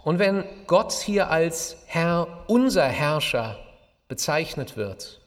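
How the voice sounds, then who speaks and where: A man preaching a sermon as pastor, in a slow, measured delivery with emphatic pauses. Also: a little high, big pitch swings. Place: church. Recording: long church reverb.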